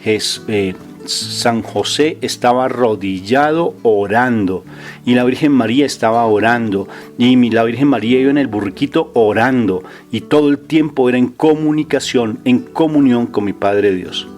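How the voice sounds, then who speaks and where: A man speaking calmly and unhurriedly in a casual talk about faith. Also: mid-range voice, normal speed, soft background music. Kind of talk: casual chat.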